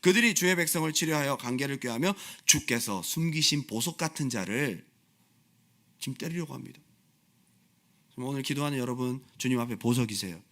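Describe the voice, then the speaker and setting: In a church sanctuary, a male pastor preaches an impassioned sermon, repeating phrases for emphasis and swinging between loud pleading and quiet explanation. His voice is medium-pitched and a little fast.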